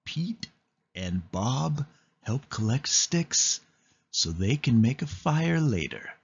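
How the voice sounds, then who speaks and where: A man reads a children's picture book aloud in an animated, expressive storytelling style with deliberate phrasing. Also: medium pitch, gravelly, slightly rough, lo-fi sound. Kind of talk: animated read-aloud narration for young children.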